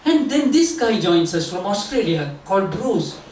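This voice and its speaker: An older man from Sri Lanka telling a self-mocking comic story to an audience, jumping into high squeaks when he acts out his own panic. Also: big pitch swings, moderate pace, a little mellow, echoey room, distant mic, slight background noise, low-quality recording. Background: audience laughter and room ambience.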